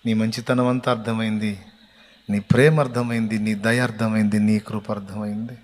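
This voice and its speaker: A preacher voicing a humbled man who prays quietly for forgiveness. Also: fairly low pitch, little pitch movement, normal speed, lightly acted. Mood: repentant. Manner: soft, hushed, repentant prayer. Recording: long hall reverb.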